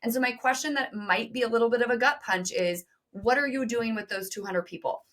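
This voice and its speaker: A woman guest on a podcast interview, talking emphatically and directly to listeners, with quick bursts of speech. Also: on the high side, fairly bright tone. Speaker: podcast guest, business co-founder. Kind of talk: energetic interview talk.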